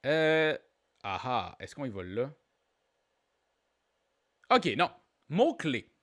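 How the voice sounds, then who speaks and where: A man's voice: mid-range voice, huge pitch swings, drawn-out words, fairly bright tone. A man with a Québécois accent hosting a live online trivia game, playful and joking, repeating each question aloud and calling out players. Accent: Québécois French. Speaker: trivia quiz host.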